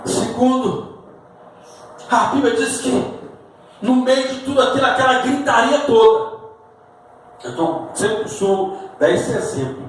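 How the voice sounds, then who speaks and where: A man's voice: very high voice, measured pace, pauses often. Pentecostal preacher, male, Brazilian Portuguese accent, fervent delivery, recorded from afar with faint hall noise. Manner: impassioned preaching, rising to shouts. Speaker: pastor. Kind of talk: sermon. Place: church sanctuary. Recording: echoey church from far off with faint ambient noise.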